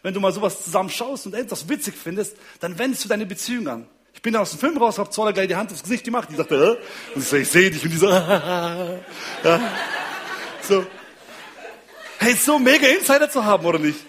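A man's voice: high voice, expressive, fast talker, fairly bright tone. A man giving a humorous talk on marriage to an audience, telling stories about his wife and kids and checking in with listeners as he goes. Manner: keeps checking in with listeners, chuckles often. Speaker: speaker on marriage and relationships.

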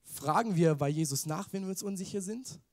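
A man's voice: high-pitched, a little fast, a little mellow. A man preaching a casual sermon. He talks in a chatty way, mixes in English slang and keeps asking the listeners questions. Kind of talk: informal youth sermon.

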